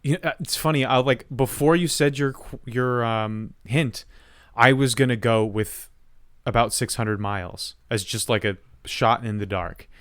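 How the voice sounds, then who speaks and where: A man's voice: medium pitch, unhurried, a bit bright, dry recording, studio quality. A man co-hosting a casual podcast quiz, thinking aloud with hesitant fillers and restarts. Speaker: co-host.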